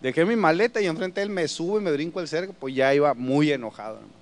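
Male pastor, animated storyteller, high and resonant, preaching to the brethren. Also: quick pace. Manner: animated storyteller addressing the congregation as brothers. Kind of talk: sermon.

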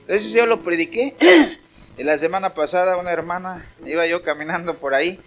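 A man's voice: high-pitched, brisk. A man preaching at a worship service, fervent and calling out praises to the congregation. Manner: fervent, shouting praises and acting out a story. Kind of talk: lively evangelical preaching.

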